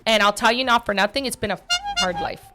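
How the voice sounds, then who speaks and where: A podcast host in her forties runs a casual motivational talk show, speaking fast in a slightly high voice over music. She's emphatic, repeats her points, and often finishes with "right?"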